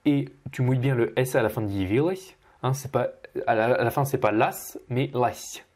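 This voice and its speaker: A man teaching pronunciation as he corrects a student, patiently repeating each word slowly. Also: medium pitch, darkish tone. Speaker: Russian language teacher.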